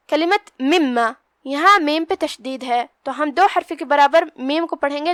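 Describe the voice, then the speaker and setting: A woman teaching a Quran recitation lesson. She recites verses slowly and carefully, then explains each pronunciation rule in a plain, steady way. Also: sits high, no echo, studio quality. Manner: slow measured recitation between plain explanations. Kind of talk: tajweed lesson.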